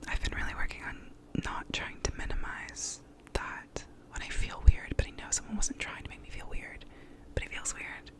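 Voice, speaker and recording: A woman gives a whispered ASMR pep talk up close to the mic, reassuring and validating in informal, sometimes sweary wording. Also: normal speed. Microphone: close to the mouth.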